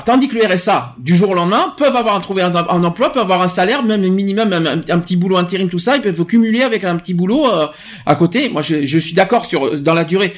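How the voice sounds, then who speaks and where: Emphatic high-voiced Frenchman. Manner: emphatic, repeats and restarts words. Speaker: podcast host. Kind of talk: casual chat.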